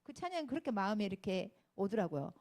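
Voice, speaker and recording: A woman's voice: mid-range voice, big pitch swings, fast, darkish tone. A woman in her fifties teaching a children's Sunday school sermon, telling stories, acting out the people she quotes and asking the children questions. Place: church classroom.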